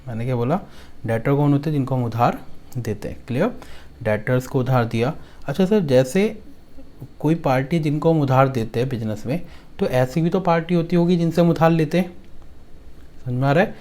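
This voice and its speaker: Here a male accounts teacher from Delhi, speaking in a warm, mid-range voice with a Hindi-speaking accent, lectures his class. Key lines get slow repetition and become a rhyme for reciting, and he keeps asking if things are clear.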